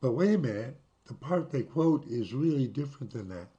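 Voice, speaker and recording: Hoarse man with a mellow voice. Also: mid-range voice, expressive, muffled recording. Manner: chatty, wry asides, slows down to read quotes. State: hoarse from illness. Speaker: vlogger. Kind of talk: casual commentary, reading news aloud.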